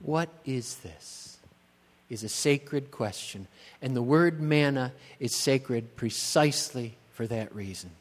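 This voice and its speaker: A middle-aged man, a pastor, preaching a sermon in a church, slow and emphatic, building on repeated rhetorical questions. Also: mid-range voice. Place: church sanctuary. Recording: long church-hall reverb.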